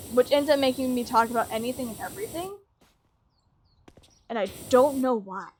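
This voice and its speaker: A woman's voice: high voice, slight background noise. A young woman streaming a game, rambling casually, swearing freely and laughing things off. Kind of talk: casual chat while gaming.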